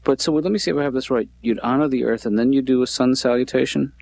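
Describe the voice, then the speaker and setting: Man playing a cartoon therapist, soft-spoken, deadpan, mild, mid pitch. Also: fast talker, gravelly, dry recording, lightly acted. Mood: dry. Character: mild, deadpan middle-aged male therapist.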